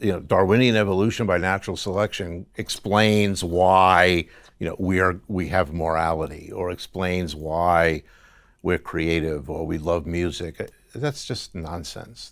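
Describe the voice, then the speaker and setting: A middle-aged man interviewed as a guest, telling his story in a halting conversational way with many restarts. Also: low voice, fairly even intonation, no room sound. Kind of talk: conversational testimony.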